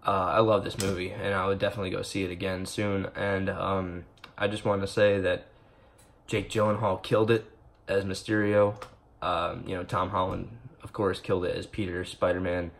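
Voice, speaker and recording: A young man giving a casual, rambling movie review to camera, excited and swearing often with lots of fillers. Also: low voice, moderate pace, creaky, slight background noise.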